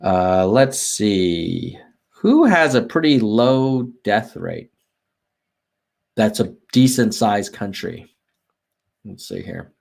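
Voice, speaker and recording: An American livestream host walks through data, thinking aloud over charts and reading viewer chat with frequent ums and self-corrections. His lowish, darkish voice is gravelly and very animated but slow, and he pauses often.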